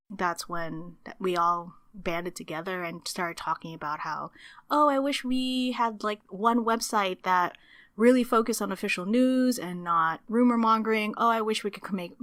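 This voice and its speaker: As a guest on a podcast, a woman from the Philippines in her thirties shares her story with lively, relaxed energy, frequently laughing and playing out her past thoughts. She has a lowish voice, and the recording is dry.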